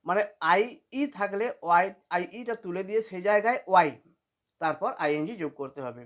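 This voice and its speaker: Brief: a woman as a patient teacher, spelling English words letter by letter for beginners, mid-pitched and steady. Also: a little fast.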